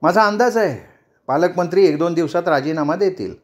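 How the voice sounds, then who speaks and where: A man's voice: high-pitched, fairly quick, pitched above the performer's own voice, natural voice. A man voicing a confident, proud woman politician in a storybook reading, firm and cutting. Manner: firm, cutting, self-assured.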